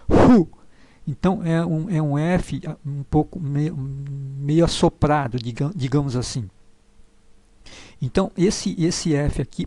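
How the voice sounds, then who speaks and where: A man teaching pronunciation in a slow, patient way, spelling out syllables one by one and checking in with his listeners. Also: on the high side, warm tone, dry recording. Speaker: language teacher. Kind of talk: explanatory lesson on pronunciation.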